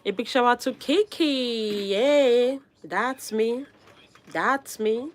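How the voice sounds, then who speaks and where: A woman, a bit hoarse from a cold, hosts a relaxed live stream, cheerfully shouting out viewers' names and laughing frequently. Her voice is fairly high in pitch and slow.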